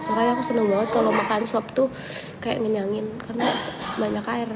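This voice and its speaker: Chatty and relaxed, a young livestream host with a mild cold answers viewer questions, thinking aloud and using fillers. Her voice is a little high and creaky, almost gravelly, and she talks fast over noticeable background noise in the stream audio.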